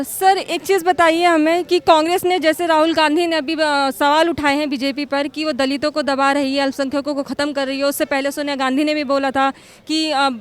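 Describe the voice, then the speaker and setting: A woman reporter asking passersby questions, with hesitant fillers. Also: high-pitched. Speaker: street reporter.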